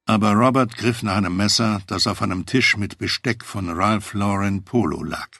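A man narrating a memoir audiobook in a steady, matter-of-fact first-person voice on a close mic. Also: fairly low pitch, normal speed, vocal fry, no room sound.

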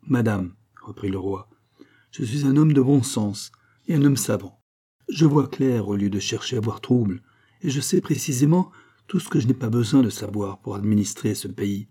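A resigned king, calm and patient, read by a man in a dark, husky voice. The audiobook reading stays even and measured. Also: medium pitch, close to an everyday voice. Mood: weary calm.

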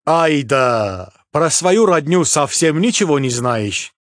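A man voicing a calm, laconic man from Baku with an Azerbaijani accent and terse, unhurried phrasing. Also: on the high side, no echo, clean studio sound, voice pushed up.

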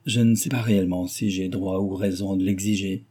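A man reading the lines of a gentle, reserved young heiress in a classic novel, softly spoken. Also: low voice, fairly even intonation, fairly quick, breathy edge.

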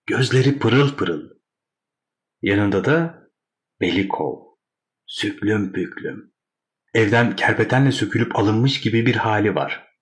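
Lower-voiced man reading a classic story. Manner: measured, wry storytelling. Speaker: narrator. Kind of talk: audiobook narration of a classic story.

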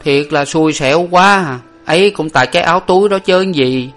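A man's voice: high-pitched, normal speed, fairly bright tone, pitched above the performer's own voice. A man voicing a timid, cheeky young male servant who talks in a whiny, pleading, deferential way.

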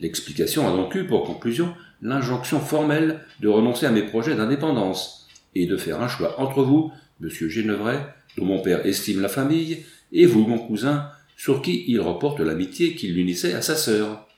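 A man's voice: medium pitch, sing-song, normal speed, darkish tone, echoey room, lightly acted. Césarine, a man reading a proud young noblewoman. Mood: firm, composed. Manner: firm, composed, formal. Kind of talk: audiobook reading.

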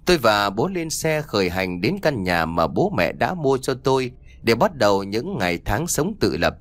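A man narrating a first-person story as an audiobook, with an expressive storytelling manner. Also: mid-range voice, moderate pace, no room sound.

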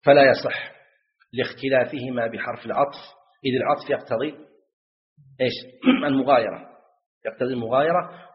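A man, teaching Islamic jurisprudence in a lesson. He repeats key phrases and keeps asking his students questions. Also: mid-range voice. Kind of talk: classroom lesson explaining a legal text. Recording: dull lo-fi lecture recording.

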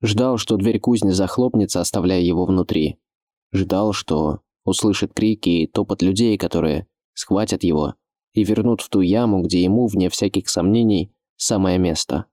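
Deep-voiced male audiobook narrator. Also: mellow, no room sound, clean studio sound. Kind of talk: scripted literary narration.

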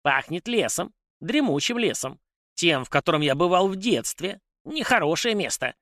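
A man voicing a tiny, fussy male house spirit who chatters in a squeaky, excited way. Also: normal speed, no room sound, clean studio sound. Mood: wary.

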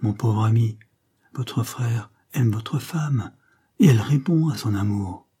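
A man's voice: mid-range voice, moderate pace, warm tone, breathy edge, lightly acted. A man voicing a scheming, cruel Creole woman with a sugary, coaxing delivery in a read-aloud novel.

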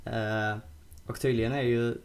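A man with a Scanian accent co-hosting a podcast, telling lively stories in slangy casual chat. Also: medium pitch, a little hiss or hum. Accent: Scanian Swedish. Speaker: podcast co-host.

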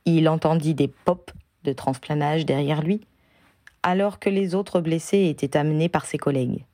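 A woman reading a fan novel aloud in a measured, even narration. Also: low-pitched, no echo, clean studio sound. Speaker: audiobook reader. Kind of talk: storybook narration.

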